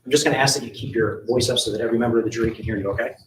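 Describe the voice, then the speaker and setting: A man working as an attorney, questioning a witness in a courtroom in a brisk, methodical way. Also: medium pitch, fairly even intonation, far from the mic, noisy background. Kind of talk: courtroom examination. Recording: roomy courtroom audio from afar.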